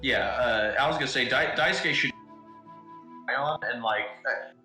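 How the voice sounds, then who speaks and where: A man on a group voice call explains his point haltingly, repeating words while his voice keeps cutting out over a bad connection. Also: medium pitch, pushed and bright, reverberant, faint music behind. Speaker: tabletop game player. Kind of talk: casual chat on a group voice call.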